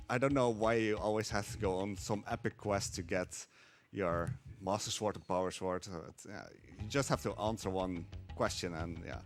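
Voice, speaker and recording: While speedrunning a game at a marathon event, a young man provides live commentary in a hesitant way, full of fillers. His voice sits on the lower side.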